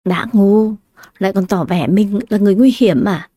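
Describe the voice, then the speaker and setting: A woman's voice: mid-range voice, normal speed, warm tone, slightly rough, dry recording, clean studio sound, close to an everyday voice. Woman playing a cold, cutting young wife.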